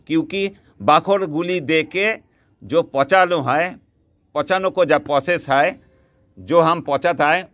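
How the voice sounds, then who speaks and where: A man with a fairly high voice records a casual instructional vlog outdoors. He repeats himself insistently, drives each point home, and drifts into broken Hindi. He talks straight to his viewers while showing them how he makes his bait. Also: fairly bright tone. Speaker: fishing bait maker teaching viewers. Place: outdoors, sky darkening before rain.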